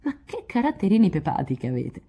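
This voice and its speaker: A woman's voice: lowish voice, fast, slightly rough, voice pushed up, heavily acted. A woman reading aloud, voicing a spirited young woman who coaxes and teases a friend. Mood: coaxing. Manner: coaxing, lively.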